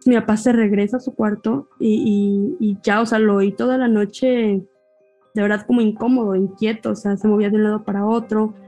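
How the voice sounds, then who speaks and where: Mexican lady on a podcast, animated storytelling, warm mellow tone, faint music under. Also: medium pitch, brisk, low-quality recording. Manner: animated, acts out family dialogue. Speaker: podcast guest. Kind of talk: casual storytelling.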